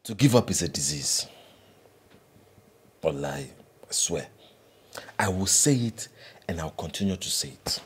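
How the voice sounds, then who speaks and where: A man's voice: low voice, expressive, fairly quick. A man playing an exuberant, boastful young boyfriend and aspiring star in a film drama, with a Nigerian accent and a preachy, repetitive manner. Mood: earnest. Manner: preachy, emphatic, repeats himself. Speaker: actor in a film. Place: furnished living room and bedroom indoors.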